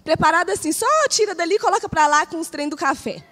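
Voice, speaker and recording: A young woman preaching at a youth service, telling a lively, laughing story in a dramatic way. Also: extremely high pitch, quick pace. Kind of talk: storytelling sermon. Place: church hall, live service. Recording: live sermon with background music.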